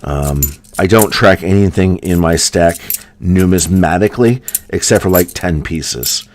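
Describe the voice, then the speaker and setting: Speaking in a low, mellow voice at a measured pace, a coin hunting streamer from the United States chats at length with his live audience. He has a General American accent and rambles casually, heavy on fillers like um and like. A little hiss or hum is audible.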